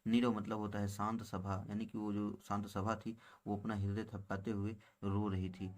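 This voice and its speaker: A man teaching a poem to students, with a low voice that stays level and seldom rises or falls. He reads each verse slowly, then paraphrases it in everyday words, and keeps calling his viewers friends. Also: level tone. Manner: addresses viewers as friends, with frequent filler phrases. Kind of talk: explaining a Hindi poem line by line.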